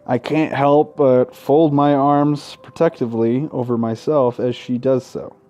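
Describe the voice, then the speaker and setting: A male let's-play host reads a visual novel's game text aloud, adding casual, profane commentary. His mid-range voice is dark and steady, moving at a measured pace.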